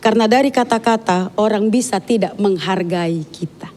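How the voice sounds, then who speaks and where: A woman's voice: medium pitch, moderate pace, darkish tone, slight background noise. A woman giving a sermon in a church, talking frankly and chattily, with many asides to the congregation. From Dayak. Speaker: preacher.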